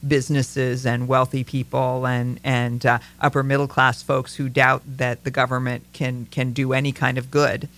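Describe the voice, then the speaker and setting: A man's voice: mid-range voice, level tone, moderate pace, few pauses, fairly bright tone. A man co-hosting a casual political talk show, speaking thoughtfully with many fillers and restarts.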